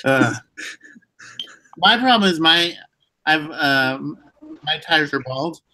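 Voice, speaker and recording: A man with a slightly raised pitch hosting a laid-back live stream with friends. He talks in an easygoing way, pausing on fillers and restarting sentences. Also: lively intonation, pushed and bright, no room sound. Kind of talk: casual chat.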